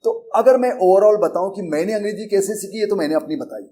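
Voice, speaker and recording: A middle-aged man with an Indian accent gives a lesson in an earnest, conversational way, blending English words into his Hindi. His voice sits a touch high. He circles back over his points as he explains them. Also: fairly quick, dark tone. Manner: earnest, repetitive, conversational teaching with English terms mixed into Hindi. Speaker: English teacher and coaching institute founder. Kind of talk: Hindi lecture on learning English.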